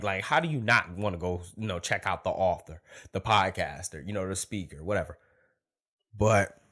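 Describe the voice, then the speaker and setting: Male podcaster, lowish voice, swollen-tongue lisp, loose conversational monologue with emphatic repeats. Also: a bit bright. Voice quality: lisping, thick-tongued speech from a swollen tongue. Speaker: podcast host. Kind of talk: casual solo podcast monologue with profanity.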